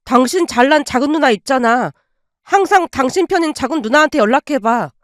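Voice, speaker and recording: A woman voicing a bitter, angry middle-aged mother who answers in sharp, curt retorts. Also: sits high, animated, brisk, no echo, clean studio sound.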